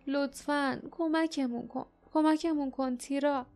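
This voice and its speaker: A woman's voice: high-pitched, warm tone, natural voice. An earnest young hero, as a woman narrator plays him, pleading urgently in a raised voice. Storybook reading with faint music underneath.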